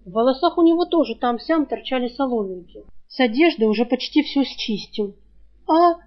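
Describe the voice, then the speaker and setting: A woman reading fiction aloud in even, scripted storytelling narration. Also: fairly high pitch, brisk. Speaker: audiobook reader. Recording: dull lo-fi recording.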